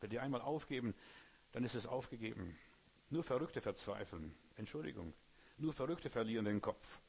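Speaking at medium pitch with lively intonation and a moderate pace, a man preaches emphatically, talking straight to his audience with frequent "you know?". His tone is a little mellow and husky, with vocal fry.

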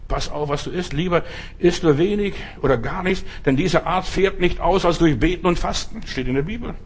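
A middle-aged man preaches with fervour, his husky voice sitting a little high. He speaks directly to the listener and swings between loud, stretched exhortations and low, quiet asides. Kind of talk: sermon.

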